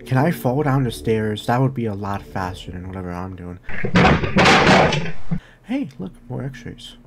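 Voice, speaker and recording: A man's voice: lowish voice, brisk, heavy background noise. A man hosting a let's play, chatting casually and making sarcastic jokes while playing a horror game. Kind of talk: casual gameplay commentary.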